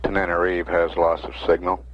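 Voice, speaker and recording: A man giving official live mission control commentary in a halting, measured way with frequent pauses. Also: deep voice, completely flat delivery. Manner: halting, unscripted, with frequent mid-sentence pauses. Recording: dull lo-fi archival radio feed.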